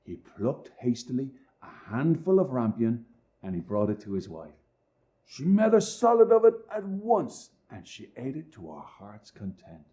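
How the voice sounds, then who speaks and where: Expressive man reading a fairy tale. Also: medium pitch, measured pace. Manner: expressive, swinging loudness and pace for effect. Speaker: storyteller.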